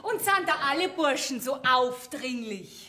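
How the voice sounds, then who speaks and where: An actress playing a sharp-tongued young woman, brisk and scolding. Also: high voice, big pitch swings, exaggerated voice.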